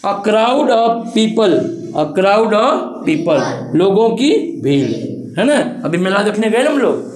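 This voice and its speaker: A man teaching an English grammar lesson to students in a classroom. He drags out the English phrases slowly and keeps checking in with tag questions. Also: high voice, very animated, roomy sound, rough recording.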